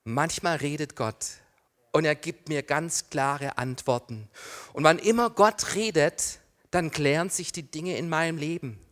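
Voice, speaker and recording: A middle-aged male pastor preaching a sermon, swinging from loud calls to hushed near-whispers and asking listeners questions directly. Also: high voice.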